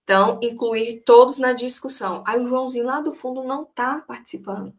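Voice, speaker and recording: A woman's voice: a little high, a little fast. Conversational woman teacher lecturing online. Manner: conversational, often addresses students as "gente" and checks with "né?" and "tá?".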